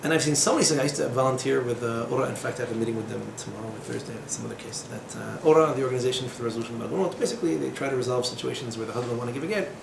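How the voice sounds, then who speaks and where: Very fast and barely pausing, a gravelly medium-pitched voice drives this informal lecture by a man in his thirties teaching in a small room. It's full of digressions, fillers and sardonic humor, and the recording is echoey with background noise.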